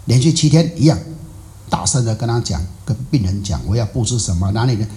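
A man teaching from a Buddhist sutra in an unhurried, talky way, circling back over his points with filler sounds and questions to the listeners. His voice is dark and mellow, and his pitch rises and falls in lively swings. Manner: loose, repetitive explaining full of filler particles and rhetorical questions. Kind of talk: conversational sutra lecture.

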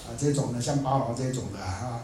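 A man giving a dharma talk, animated and acting out the people he quotes. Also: medium pitch, a little fast, echoey room, slight background noise. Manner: animated, acts out quotes in dialect. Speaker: Buddhist teacher.

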